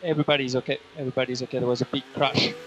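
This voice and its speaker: A man's voice: mid-range voice, flat delivery, rapid-fire. A man working as a race engineer, giving methodically repeated instructions over race car onboard team radio with a radio filter. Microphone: radio headset. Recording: race car onboard radio, noisy, clicks, vehicle sound.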